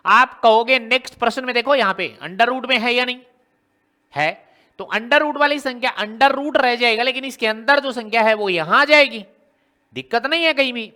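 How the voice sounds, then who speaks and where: Walking his class through a maths problem step by step, a male teacher keeps firing rhetorical questions at the students. He has a very high-pitched, bright, forceful voice.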